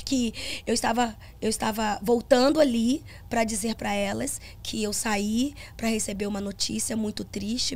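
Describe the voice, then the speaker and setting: Slightly high with noticeable vocal fry, the voice comes from a middle-aged woman, a gospel singer and pastor. She's on a podcast telling her personal testimony in an earnest, storytelling way, acting out what people said.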